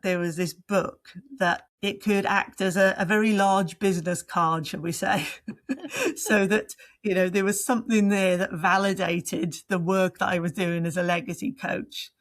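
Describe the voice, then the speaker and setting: A woman leadership coach answering interview questions in a reflective way, pausing often as she searches for her words. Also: fairly low pitch, no room sound.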